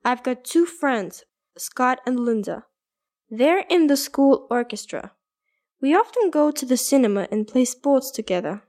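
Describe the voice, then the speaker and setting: A woman voicing an upbeat teenage schoolgirl in a scripted textbook dialogue, speaking clearly and carefully. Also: high-pitched, expressive, measured pace, a little mellow. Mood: cheerful.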